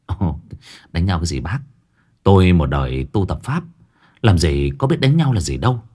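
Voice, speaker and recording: A man's voice: low-pitched, sing-song, normal speed, mellow, slightly rough, voice pushed down, exaggerated voice. A man doing a brash, cursing spirit medium. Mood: cheerful denial. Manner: blustering, then roaring curses. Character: brash tattooed male spirit medium, young.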